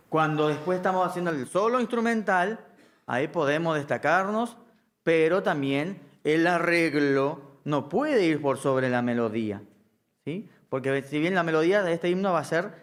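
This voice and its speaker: A man in middle age lectures on directing a band. His voice sits a bit high for a man. He talks in a live classroom way, tossing in quick checks that everyone is with him. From Argentina. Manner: keeps checking understanding with a quick "¿sí?". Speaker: music director teaching a course.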